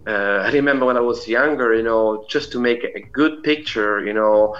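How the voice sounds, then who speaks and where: This middle-aged Italian indie musician, heard as an interview guest, chats casually in an Italian accent, rambling along with frequent "you know" fillers. His medium-pitched voice is a bit bright at a moderate pace, though the audio is dull.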